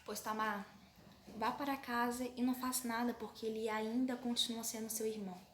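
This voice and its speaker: A woman with a Brazilian accent voicing an older brother prince who questions and quiets his sister. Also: fairly high pitch, steady tone, brisk, roomy sound, a little hiss or hum, close to an everyday voice. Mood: concerned. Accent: Brazilian Portuguese.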